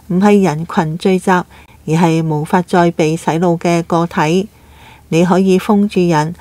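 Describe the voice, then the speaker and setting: A woman narrating a scripted news commentary in a steady, even reading delivery. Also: lowish voice, no room sound.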